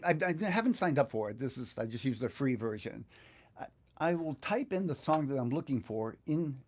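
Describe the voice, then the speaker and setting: Teaching on video, this middle-aged guitar instructor walks viewers through a casual screen tutorial one step at a time. He talks in a conversational way, reasoning out loud as he goes. His voice is mid-range and a little mellow.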